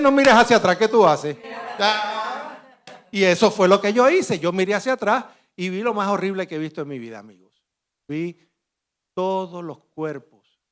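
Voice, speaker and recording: A man with a Puerto Rican accent and a fairly high voice recounts a dramatic personal testimony as a panel speaker. He is a vivid storyteller who acts out the voices and crash sounds of his story. He sounds middle-aged. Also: fairly bright tone. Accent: Puerto Rican Spanish. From Puerto Rico.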